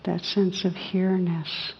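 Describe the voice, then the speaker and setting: A woman teaching meditation, guiding softly paced practice in a soothing, unhurried manner with long pauses between short phrases. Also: on the low side, level tone, vocal fry, slight background noise. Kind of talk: guided meditation. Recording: muffled, reverberant hall recording.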